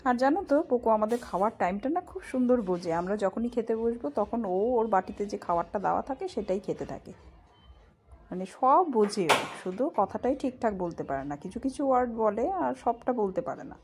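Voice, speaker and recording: A woman's voice: mid-range voice, expressive, fast, a little mellow, husky. A middle-aged woman, chatting casually to viewers in a home vlog while doing kitchen chores. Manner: chatty, homely, addresses viewers directly. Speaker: vlogger.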